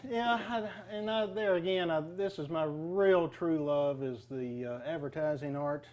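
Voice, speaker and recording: A man talking casually as a collector explaining his collection, with halting speech that pauses mid-thought. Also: fairly high pitch, darkish tone. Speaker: duck call collector being interviewed. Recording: clear background noise.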